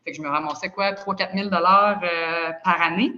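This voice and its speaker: A woman's voice: fairly low pitch, fairly even intonation, fairly quick, sharp tone, muffled recording. A woman with a Quebec French accent giving a chatty, persuasive sales presentation over a video call. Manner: chatty and persuasive, with casual asides. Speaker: presenter of a travel club.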